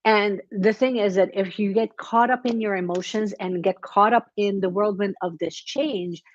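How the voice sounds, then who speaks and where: A woman's voice: medium pitch, normal speed, lo-fi sound. A woman giving a casual weekly tarot reading, chatty and encouraging, with plenty of fillers and restarts. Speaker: tarot reader.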